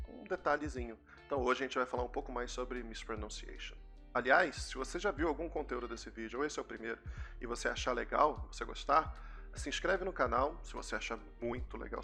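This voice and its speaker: In a casual YouTube lesson, a young Brazilian man teaches English pronunciation chattily, repeating examples. He has a Brazilian Portuguese accent and a pushed, bright, mid-range voice.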